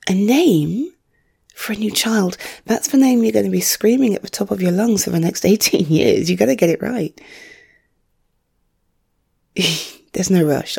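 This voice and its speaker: Woman for ASMR roleplay: hushed gentle whisper, very breathy, unhurried. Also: medium pitch. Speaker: ASMR creator. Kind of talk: ASMR roleplay as a visiting friend.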